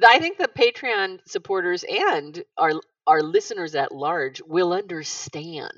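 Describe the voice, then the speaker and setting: Groggy, gravelly-voiced woman podcast host. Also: on the low side, lively intonation, a little slow, fairly bright tone, no echo, lo-fi sound. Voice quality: gravelly morning voice. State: groggy, just woke up. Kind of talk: casual podcast chat.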